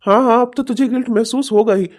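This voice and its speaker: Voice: medium pitch, fairly even intonation, fairly quick, a little mellow, lightly acted. A performer voicing a scheming, deceitful young man in a cartoon, mocking and laughing often. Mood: gloating. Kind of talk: cartoon voice acting.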